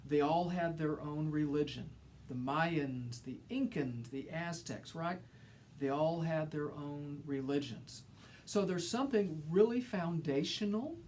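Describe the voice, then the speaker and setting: A little hiss or hum runs under the fairly high, slightly mellow voice of a middle-aged college instructor from Alabama. In his Southern accent, he gives an earnest, enthusiastic lecture-style welcome to the course, frequently repeating phrases for emphasis.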